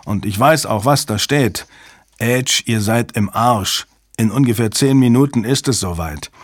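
A man voicing a large, excitable male systems chief who talks bluntly and crudely and shouts when panicked. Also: mid-range voice, unhurried, no room sound, clean studio sound, close to an everyday voice. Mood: grim.

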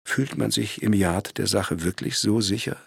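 A man's voice: lowish voice, normal speed, vocal fry, a bit bright, slightly rough, no room sound, studio quality, voice pushed up, heavily acted. A man voicing a nervous, evasive middle-aged lawyer who hesitates and stammers.

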